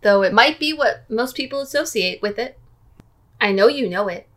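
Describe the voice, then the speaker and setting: A woman co-hosting a casual guessing game, playful and quick to laugh. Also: fairly high pitch, expressive, a bit bright. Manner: playful, laughs often, sings snatches.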